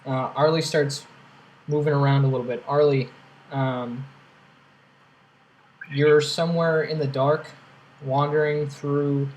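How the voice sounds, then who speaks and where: A young man leads a tabletop session as game master, his voice sitting a touch high. He narrates casually, pausing often and filling gaps with ums and uhs. A faint hiss runs under his voice. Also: flat delivery, darkish tone, rough recording. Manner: casual, hesitant with many fillers.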